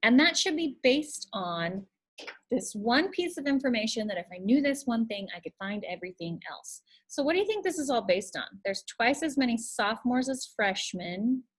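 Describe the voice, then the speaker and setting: A woman's voice: fairly high pitch, big pitch swings, moderate pace. A woman teacher explaining a math problem step by step in a recorded video lesson, patient and thinking aloud.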